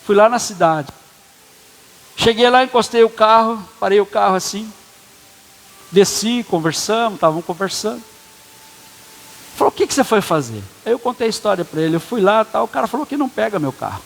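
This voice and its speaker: A man's voice: sits high, expressive, a little fast, creaky, pauses often. A man preaching as a pastor, telling a personal story in a casual, conversational way and acting out the dialogue. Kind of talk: sermon storytelling. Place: church hall. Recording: long church reverb.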